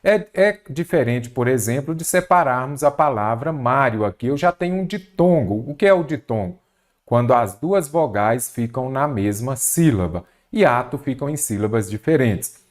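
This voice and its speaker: Animated teacher, lively pitch. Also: male voice, moderate pace. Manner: animated, addresses viewers directly, repeats "ok?" and "observe". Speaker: Portuguese teacher. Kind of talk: online exam-prep lesson.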